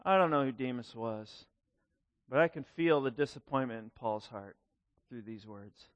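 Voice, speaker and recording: A man's voice: medium pitch, moderate pace, no room sound, highs cut off. A male pastor preaching a conversational sermon in a folksy way, often repeating words and acting out quoted lines.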